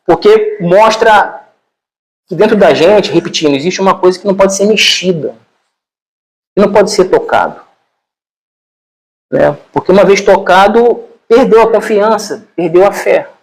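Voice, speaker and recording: This Brazilian lecturer, slightly high-voiced, speaks at normal speed with long pauses while retelling a film informally. His storytelling is animated and colloquial, full of repeated fillers, with a plainly Brazilian accent and poor audio.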